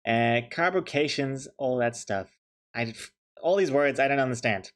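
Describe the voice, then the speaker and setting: A medium-pitched male voice at normal speed belongs to a young New Zealander drawing on a stream. He keeps things relaxed, joking and thanking viewers throughout.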